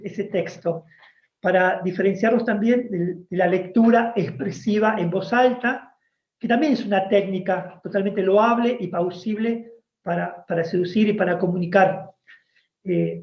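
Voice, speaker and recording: Argentine man telling a story with dramatic pauses. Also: high-pitched, echoey room, dull audio. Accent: Argentine Spanish. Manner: deliberate, dramatic pauses and emphasis. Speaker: oral storyteller. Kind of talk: told story at a public talk.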